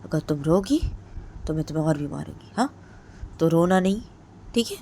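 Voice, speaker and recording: A woman voicing a domineering, quick-tempered young woman who scolds with repeated sharp questions. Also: sits low, animated, vocal fry, slight background noise. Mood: stern.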